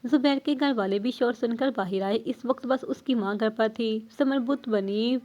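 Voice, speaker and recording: A woman reading a novel aloud as narrator in an even, steady storytelling manner. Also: a little high, lo-fi sound.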